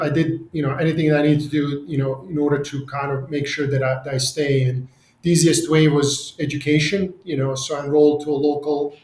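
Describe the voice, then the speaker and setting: A man's voice: a little high, reverberant, poor audio. A man, speaking as an interview guest, earnest and restarting often. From Serbia. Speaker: guest, company executive. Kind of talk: podcast interview.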